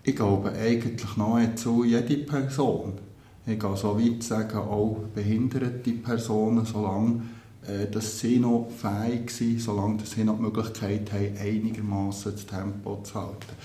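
A man's voice: lowish voice, little pitch movement, moderate pace, mellow. A man, a percussion teacher answering interview questions earnestly and thoughtfully, with small hesitations. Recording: roomy echo.

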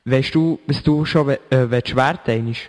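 A man's voice: medium pitch, normal speed, a little mellow. A man interviewing children in a casual way, asking short, repeated questions. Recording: long hall reverb.

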